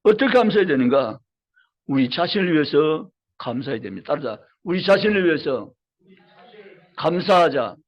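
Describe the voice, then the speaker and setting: A male pastor in full sermon, with a high voice that swoops up and down as he drives home each point. He repeats key phrases with mounting emphasis and calls out to his listeners. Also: animated, normal speed, muffled recording. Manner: storytelling with acted quotes, rising emphatic appeals.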